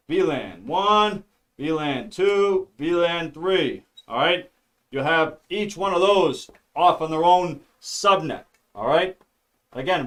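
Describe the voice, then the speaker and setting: A man's voice: a little high, a bit bright. A man teaching networking on a casual live stream, rambling and jokey, checking in with "all right?" and "okay?" after nearly every phrase. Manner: jokey, mutters to himself.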